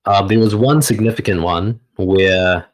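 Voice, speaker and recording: Slow, low-voiced New man. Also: rough recording. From New Zealand. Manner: slow, reflective, pausing often with "uh". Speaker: meditation teacher. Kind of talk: unscripted interview answers.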